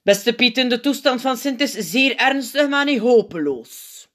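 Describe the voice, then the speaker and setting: A woman voicing a calm, serious male elf doctor in an audiobook, measured and earnest. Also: fairly high pitch, voice pushed up. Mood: grave.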